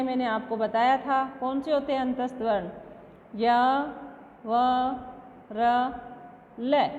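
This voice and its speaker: Woman teacher, online class lesson, asks then answers her own questions, high voice, dull lo-fi sound with long reverb. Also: darkish tone. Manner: mixes English words into Hindi. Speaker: school teacher. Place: classroom with a blackboard.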